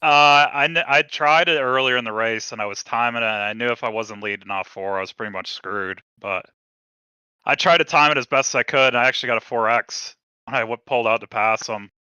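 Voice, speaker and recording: A man speaking in a post-race interview as the runner-up, relaxed and friendly, a bit halting. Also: medium pitch, smooth, dry recording, dull audio. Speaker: second-place racer.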